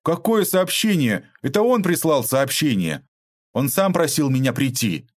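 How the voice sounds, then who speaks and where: A man's voice: on the high side, sing-song, a little slow, dry recording, clean studio sound, voice pushed up. A man reading an audiobook aloud, voicing a sullen young man in debt who grumbles and panics.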